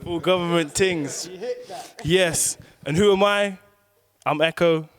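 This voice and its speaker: A man hosting a casual DIY studio interview, loud, slangy and joking. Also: a little high, takes it slowly. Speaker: host. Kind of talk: casual hip-hop interview chat.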